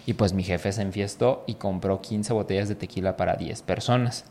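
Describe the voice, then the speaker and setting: A young man with a Mexican Spanish accent, co-hosting a podcast and telling a long story in an animated, swearing, casual way. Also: low-pitched, moderate pace, creaky, slight background noise. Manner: animated, swears a lot, acts out voices in his stories. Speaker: podcast co-host.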